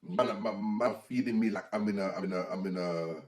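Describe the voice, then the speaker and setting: A man's voice: on the low side, brisk, a loud crowd. A young man, telling a story in casual slang and acting out the people in it as a podcast co-host. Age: young adult. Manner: animated storytelling in slang, quoting others. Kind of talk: casual chat. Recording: echoey room.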